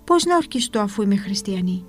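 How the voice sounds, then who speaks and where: A woman voicing a simple, kindly old village woman, devout and gentle, with soft, reassuring speech. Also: mid-range voice, very animated, husky, soft background music. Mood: indignant.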